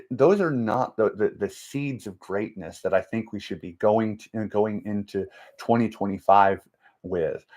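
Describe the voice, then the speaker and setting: A man hosts a faith-based motivational live stream, speaking in a fairly low voice. He talks very slowly and haltingly, stopping to restart and repeat himself, and now and then reads out and answers viewer comments. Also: a little mellow. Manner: slow and halting, frequent restarts and repeated words.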